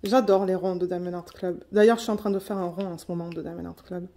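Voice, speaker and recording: A woman vlogging an unboxing in a quick, chatty way, reading out color numbers at home. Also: lowish voice, fairly even intonation, mellow, slight background noise. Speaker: diamond painting vlogger. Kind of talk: casual unboxing chat.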